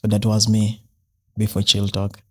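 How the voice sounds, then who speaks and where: A man's voice: on the low side, monotone, moderate pace, a bit bright. A young man from South Sudan, a podcast guest talking casually with many fillers and restarts. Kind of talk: casual interview.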